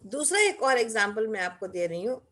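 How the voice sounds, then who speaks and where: A woman's voice: fairly high pitch, very animated, a little fast, sharp tone. A woman giving a motivational talk, speaking emphatically and acting out quoted lines in between.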